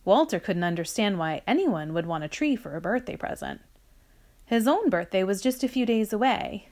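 A woman reading a children's story aloud, with a slow, expressive delivery. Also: medium pitch.

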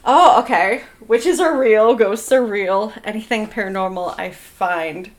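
A woman's voice: mid-range voice, measured pace. A young adult woman, a podcast guest, earnestly telling stories in casual chat with many fillers. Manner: earnest, filler-heavy storytelling.

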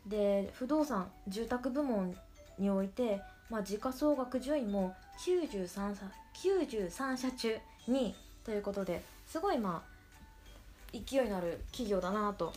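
A woman's voice: fairly high pitch, mellow. A woman podcast host with a cute, girlish anime-style voice, talking casually and rambling in a playful, self-deprecating way. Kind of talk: casual solo podcast talk.

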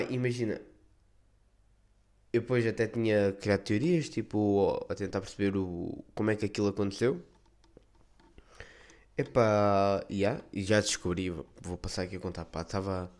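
A young man with a European Portuguese accent, hosting a podcast and telling stories in a slangy, rambling, animated way. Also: mid-range voice. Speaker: podcast host. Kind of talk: casual monologue storytelling.

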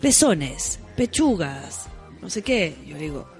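A Chilean woman in her late thirties explaining sexuality topics in a relaxed, conversational way. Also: takes it slowly, faint music behind. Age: 30s. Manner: explanatory, acts out quoted lines in a higher voice. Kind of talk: casual podcast chat.

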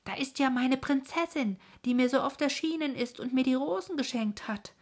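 A woman voicing an eager, lovestruck young dreamer in a storybook reading, speaking in a raised, emotional way with a breathy voice. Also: sits high, moderate pace, pitched above the performer's own voice.

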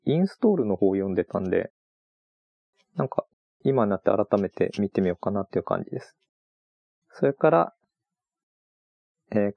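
A man chatting on his own about books he read on a trip, rambling and relaxed with many fillers. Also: on the low side, gravelly, no room sound, muffled recording. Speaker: podcast host. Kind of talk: casual solo talk about books.

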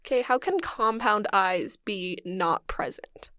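A young woman co-hosting a casual podcast, curious and quick to ask questions and laugh along. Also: mid-range voice, bright, forceful tone, dry recording, studio quality. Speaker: podcast co-host asking questions. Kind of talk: casual chat.

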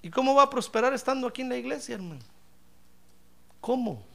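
A man's voice: very high-pitched, expressive, a little fast, creaky, fairly bright tone. A man preaching a sermon in church, emphatic and ironic, often calling his listener brother. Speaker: pastor.

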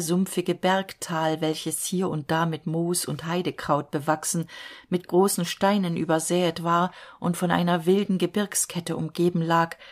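Woman reading an old fairy tale aloud, measured, kinda low voice. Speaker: narrator.

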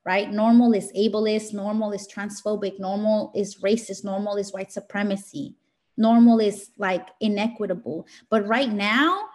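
A woman's voice: mid-range voice, fairly even intonation, normal speed, hardly any pauses. A woman giving an informal motivational talk in an emphatic, scolding teacher voice, speaking directly and colloquially.

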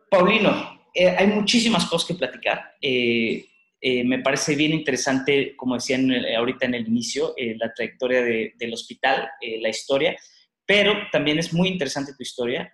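Chatty host in an echoey room. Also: male voice, medium pitch, a bit bright. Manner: upbeat and chatty, many filler hesitations. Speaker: podcast host. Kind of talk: podcast interview hosting. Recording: roomy, echoey sound.

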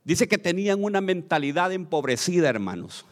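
A man from Honduras preaching a lively sermon as pastor, calling out to the congregation with joking asides. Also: sits high, brisk, big-room sound.

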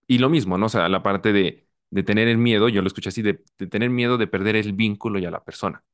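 Mexican male host, somewhat low voice, reflective, often restarts his words. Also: clear, resonant tone. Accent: Mexican Spanish. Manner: reflective, repeats back what he heard, halting restarts. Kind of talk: casual chat.

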